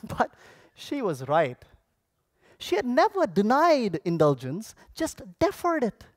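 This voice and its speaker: A man delivering a rehearsed motivational speech, telling stories theatrically with dramatic pauses and projecting to an audience. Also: high voice, wildly swooping pitch, no room sound. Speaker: contest public speaker. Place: on stage at a speech contest convention.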